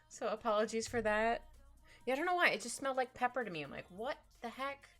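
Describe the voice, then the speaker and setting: On an art livestream, a woman chats casually while drawing, bubbly and giggly, rambling through asides with a slightly stuffy nose. Her voice is on the high side, sing-song, a little fast and a bit bright, with background music playing behind her.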